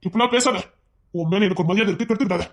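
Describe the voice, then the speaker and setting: A woman's voice: mid-range voice, racing, close to an everyday voice. A woman voicing an angry, dismissive husband in a Tamil audio drama, curt and threatening. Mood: scolding.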